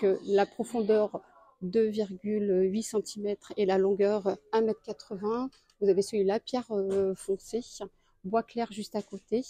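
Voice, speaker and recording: A woman, a deal-hunting vlogger, walks through a store aisle and lists prices and sizes. She speaks in a chatty way and pauses often. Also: mid-range voice, dark tone, dry recording. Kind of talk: casual store walkthrough. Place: home improvement store aisle.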